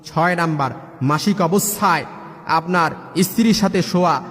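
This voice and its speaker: A man preaches with a high-pitched voice that rings out in a reverberant hall. He talks emphatically, sets out rulings one by one and recites verses in a chanting tone. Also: moderate pace, fairly bright tone. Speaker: Islamic preacher. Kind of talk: sermon.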